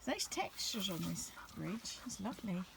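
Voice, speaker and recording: A woman chatting gently to her viewers while walking her dogs outdoors through woods by a river. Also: medium pitch, big pitch swings, normal speed, vocal fry, background noise. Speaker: vlogger. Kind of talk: casual walking vlog narration.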